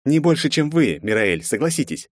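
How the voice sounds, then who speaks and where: A man narrating a fantasy audiobook, voicing a detached male wizard who answers flatly. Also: medium pitch, moderate pace, no room sound, voice pushed up, close to an everyday voice. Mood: cool. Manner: detached, dry. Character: cool, dispassionate male wizard.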